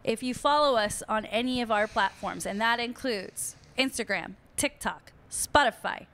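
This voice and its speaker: A woman's voice: a little high, normal speed, fairly bright tone. A woman co-hosting a casual sports podcast, chatty and upbeat, laughing easily. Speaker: podcast co-host.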